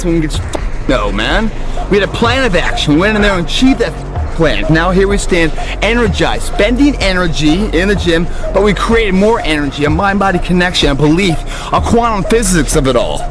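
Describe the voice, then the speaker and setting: A man giving a motivational pep talk in short punchy phrases, calling the listener "man". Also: sits high. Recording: music laid over the voice. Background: music.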